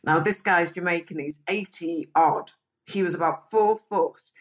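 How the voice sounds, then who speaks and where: A woman's voice: fairly low pitch, unhurried. A woman, an interview guest telling her life story frankly and chattily. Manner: frank, chatty, mimics people when quoting them. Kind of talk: candid personal storytelling.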